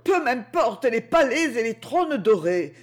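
A woman's voice: fairly high pitch, very animated, moderate pace, pitched above the performer's own voice. A woman voicing a sobbing, pleading young goddess girl. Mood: desperate. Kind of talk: audiobook character reading.

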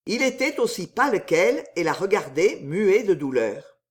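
A woman narrating a classic novel aloud in an expressive, dramatic storytelling manner. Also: medium pitch, moderate pace. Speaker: audiobook narrator.

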